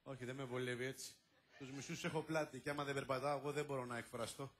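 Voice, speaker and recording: In a 1960s Greek film comedy, the male comic lead plays a bumbling lovesick man in a high, bright, forceful voice. He mutters clumsy asides and scolds his helper. The audio carries a little hiss or hum.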